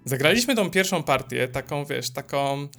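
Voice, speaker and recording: A man's voice: on the high side, normal speed, faint music behind. A man co-hosting a podcast in casual chat, telling stories animatedly and swearing freely. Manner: animated storyteller, swears freely, many fillers. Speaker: podcast co-host.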